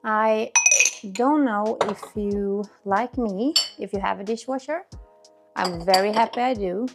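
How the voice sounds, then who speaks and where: In this cleaning vlog, a woman in her thirties or so, with a Swedish accent, chats to camera while tidying her kitchen at home, frequently groping for words and starting sentences over. She speaks in a mid-range voice at a slightly slow pace. Soft music runs beneath the recording along with the clink of dishes.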